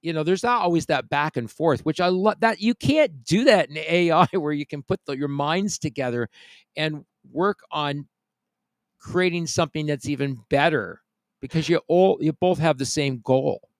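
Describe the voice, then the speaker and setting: Man, podcast host, fairly high voice, chuckles a lot, dry close mic. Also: normal speed, dry recording. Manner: reads out listener comments, chuckles often. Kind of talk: casual podcast chat.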